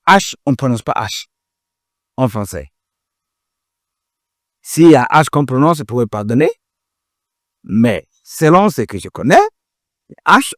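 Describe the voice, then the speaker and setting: Man slowly drilling English pronunciation. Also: mid-range voice, dry recording, clean studio sound. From Ghana. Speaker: language teacher. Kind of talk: pronunciation lesson. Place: language school classroom.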